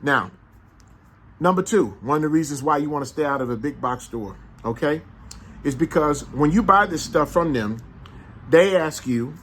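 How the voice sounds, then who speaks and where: Brief: St. man, fairly high voice, animated and emphatic, casual rant to camera. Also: normal speed, a little hiss or hum. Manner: animated, emphatic, repeats points with rhetorical questions. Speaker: vlogger. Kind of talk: casual opinionated monologue.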